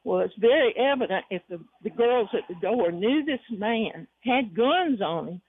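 A woman's voice: fairly high pitch, animated, normal speed, slightly rough. A woman calling in to a radio show, telling a chatty story and quoting what people said. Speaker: caller. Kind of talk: telling a story on a phone call. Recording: tinny phone line.

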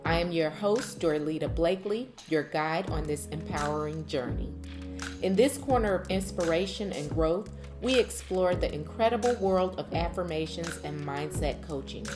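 A woman hosting a podcast as an affirmation coach, reading scripted motivational narration in an earnest, encouraging, measured way. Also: low voice, music in the background.

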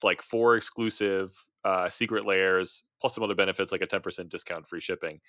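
A man's voice: low voice, fairly even intonation, brisk, pushed and bright, dry recording, clean studio sound. A man with a Midwestern American accent co-hosting a podcast, chatty and joking. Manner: chatty, rambling, jokey. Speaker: podcast co-host. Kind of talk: casual chat.

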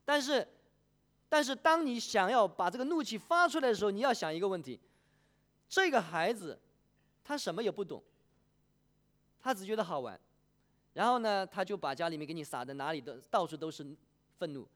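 A preacher gives a sermon in a mid-range voice that rises and falls widely. The delivery is animated. The speaker often puts questions to the congregation and asks for a show of hands. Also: mid-range voice, brisk, pauses often.

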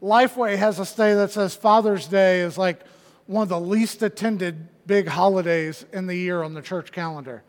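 Man, pastor, impassioned sermon, very high voice, long church-hall reverb. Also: fairly even intonation, moderate pace. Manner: impassioned preaching, swinging from loud emphatic declarations to hushed lows. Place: church sanctuary.

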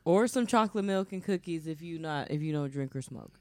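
A woman's voice: sits low, animated, fairly quick, no room sound. A woman co-hosting a podcast with her husband, playful and giggly in casual chat. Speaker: co-host.

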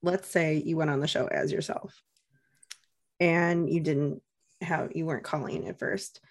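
A woman's voice: low-pitched, steady tone, measured pace. A woman hosts a podcast and poses long, easygoing questions to her guest. Her talk is friendly and casual. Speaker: podcast host. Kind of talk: casual interview chat.

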